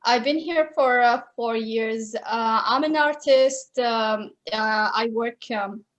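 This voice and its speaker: A woman in her thirties from Iraq, a concept artist, joins a podcast interview as a guest over a video call from a room at home. Her voice is fairly high and slow, and she sounds hesitant, searching for words.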